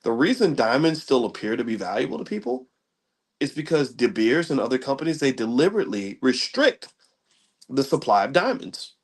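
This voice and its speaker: A man's voice: mid-range voice, sing-song, fairly quick. A middle-aged man, casually explaining money ideas in a rambling style and often checking in with "right?". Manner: conversational, rambling with restarts, asks listeners "right?". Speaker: commentator on economics. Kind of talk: casual lecture-style talk.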